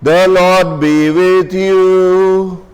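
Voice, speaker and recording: A priest solemnly proclaiming the Gospel at Mass in a large church, with a measured, ceremonial manner, his voice carried by a long cathedral echo. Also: sits high, flat delivery, darkish tone, a little hiss or hum. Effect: cathedral echo, long church reverb. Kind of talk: slow solemn liturgical reading.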